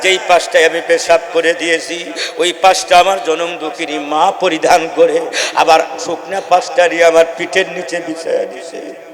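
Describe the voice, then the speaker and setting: A man preaching a sermon, chanting verses and rising into shouted, tearful appeals. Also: fairly high pitch, level tone, normal speed. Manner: chanting Quranic verses, then shouting and crying in emotional peaks. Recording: echoey hall with long reverb.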